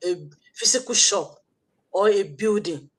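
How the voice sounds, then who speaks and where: A little slow and expressive, her medium-pitched voice carries a Nigerian accent through an online live stream. She gives a motivational talk in a preachy way, restating points and thinking aloud with many fillers.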